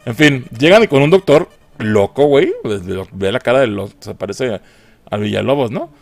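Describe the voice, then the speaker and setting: A man's voice: medium pitch, expressive, moderate pace, gravelly, no room sound, faint music behind. A man with a Mexican accent giving a casual, profane film review. He mocks the movie and laughs often.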